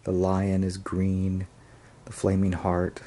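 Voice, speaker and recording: Deep, flat-voiced man reviewing a deck. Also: takes it slowly, a little hiss or hum. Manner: hesitant, frequent ums and restarts. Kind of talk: casual unboxing review.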